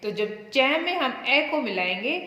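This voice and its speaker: A woman's voice: high-pitched, very animated, measured pace, sharp tone. A woman teaching a class, explaining words patiently and asking her students questions. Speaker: Sanskrit teacher. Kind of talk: classroom lesson. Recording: echoey room with long reverb.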